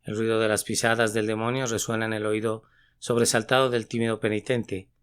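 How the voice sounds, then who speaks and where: A man reading a sermon aloud with an earnest, measured preaching delivery. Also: lowish voice, flat delivery, clean tone. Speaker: sermon reader.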